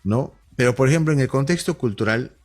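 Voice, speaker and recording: A man from Huánuco with a Peruvian Spanish accent, teaching an online class in a jokey, animated way and acting out bits of street slang. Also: medium pitch, brisk. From Huánuco, Peru.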